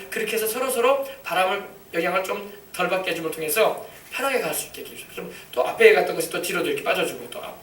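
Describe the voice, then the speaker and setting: High-voiced, fast-preaching pastor. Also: male voice, pushed and bright. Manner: emphatic, repetitive preaching with congregation responses. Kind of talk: sermon. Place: church sanctuary. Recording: echoey church, mic far off.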